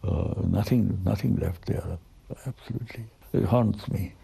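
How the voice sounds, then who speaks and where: A very old man of over a hundred from British India, with a gravelly, husky voice, reminiscing haltingly in an interview. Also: low voice, dark tone. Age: 104. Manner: halting, with repeated words. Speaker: Second World War veteran interviewee.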